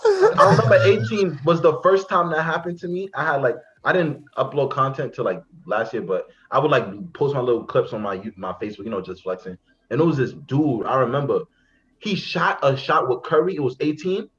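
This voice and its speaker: Lively storytelling man, lo-fi audio. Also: medium pitch, a little fast. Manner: animated storyteller, acts out quotes, laughs. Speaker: podcast guest. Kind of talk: casual gaming podcast chat.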